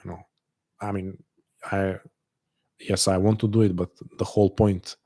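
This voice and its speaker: A man's voice: low voice, little pitch movement, normal speed, dark tone. A man hosting a live online call, talking in a thoughtful, earnest way and often repeating words and restarting phrases as he thinks aloud. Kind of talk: reflective live talk to an audience.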